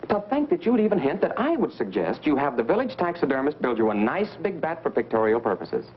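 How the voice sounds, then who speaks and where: An American actor playing a brisk, sly newspaper reporter in a 1940s B-movie style. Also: male voice, fairly high pitch, big pitch swings, breathy edge. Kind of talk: 1940s B-movie film acting. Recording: muffled, noisy vintage film soundtrack.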